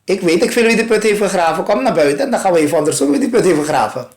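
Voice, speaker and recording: Exasperated wanderer yelling at a drunk to grab the rope, a man doing the voice. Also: high voice, expressive, very fast, roomy sound. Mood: scolding.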